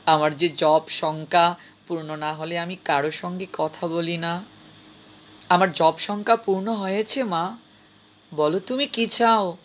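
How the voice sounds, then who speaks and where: A man playing a kind old holy man who speaks softly and tenderly, in a gentle, admonishing way. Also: high-pitched, steady tone, unhurried, pauses often. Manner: soft, tender, calls her mother.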